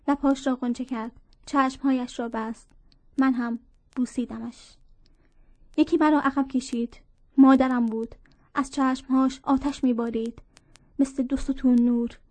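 High-voiced woman narrating a story. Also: fairly even intonation, dark tone, no echo. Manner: measured storytelling with dialogue read in. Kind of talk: audiobook narration.

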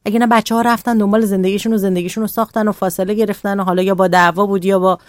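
A woman talking calmly as a radio guest, explaining parenting and boundaries in a measured way. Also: medium pitch.

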